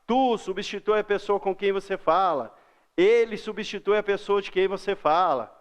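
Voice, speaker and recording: A man's voice: high-pitched, normal speed, clean tone. A man with a Brazilian accent, a teacher giving a grammar lesson to children, explaining patiently with everyday examples and questions to the class.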